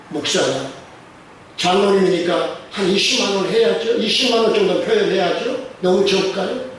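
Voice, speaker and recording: A man's voice: high voice, slight background noise. A middle-aged male pastor preaching a sermon, putting many questions to the congregation and repeating his phrases. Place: church sanctuary. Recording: very echoey church hall from far off.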